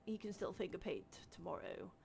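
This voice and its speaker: A woman's voice: on the low side, very animated, moderate pace, creaky, a little mellow, a little hiss or hum. A woman streamer chatting in character as a town mayor, gushing and casual, swearing now and then. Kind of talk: in-character roleplay chat.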